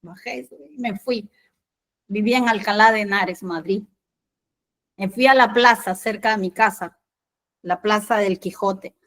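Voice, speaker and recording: A woman's voice: mid-range voice, unhurried, long pauses, a bit bright. An Argentine woman preaching a sermon, telling a personal story and acting out the dialogue with animation. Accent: Argentine Spanish.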